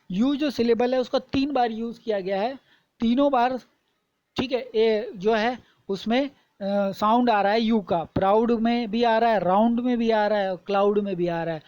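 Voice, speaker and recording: Woman, teacher, patient explainer, repeats herself, slow deliberate readings, dry close sound. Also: fairly high pitch, a little mellow, no echo, low-quality recording. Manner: repetitive, reads examples slowly and deliberately. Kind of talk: explanatory lesson.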